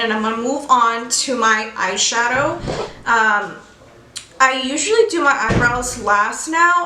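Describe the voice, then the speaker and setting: A woman's voice: fairly high pitch, pushed and bright. A young American woman giving a casual, chatty makeup tutorial with informal, slangy talk while chewing gum. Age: young adult. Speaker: beauty vlogger. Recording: roomy echo, faint background noise.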